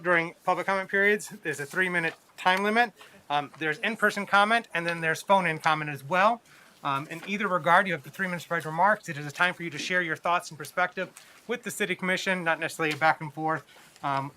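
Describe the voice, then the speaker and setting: A man's voice: fairly high pitch, sharp tone, slight background noise. A man chairing a public meeting with formal welcomes and procedural announcements, speaking through a face mask. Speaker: mayor chairing a city commission meeting.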